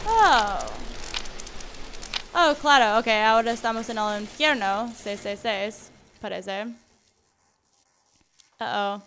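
A woman's voice: a little high, slow, pauses often, noisy background. A woman commenting as she plays a horror game, reading notes aloud and reacting with gasps and screams. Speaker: gamer playing a horror game.

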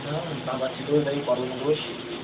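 A man's voice: medium pitch, level tone, a little fast. A young Brazilian man stuck in an elevator who jokes and teases the others. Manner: joking, teasing, laughing under stress. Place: stuck mall elevator, small indoor space. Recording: distant, dull, very noisy.

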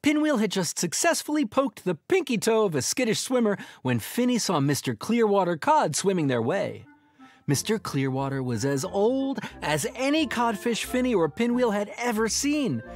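A man narrating a children's audio story in a lively, expressive manner. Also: high-pitched, moderate pace, soft background music.

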